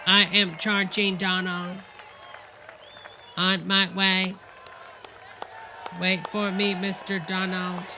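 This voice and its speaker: A streamer doing a mocking impression of a stiff female robot politician, chanting short phrases in a flat mechanical robot voice. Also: mid-range voice, takes it slowly, pauses often, crowd noise, noisy background, lightly acted. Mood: robotic. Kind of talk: mocking livestream commentary.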